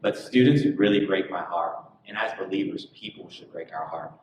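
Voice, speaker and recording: A man's voice: deep voice, moderate pace, muffled recording, noisy background. A man who serves as a church's student director, speaking in an earnest, preacherly way. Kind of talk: earnest ministry talk. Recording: echoey room from a distant mic.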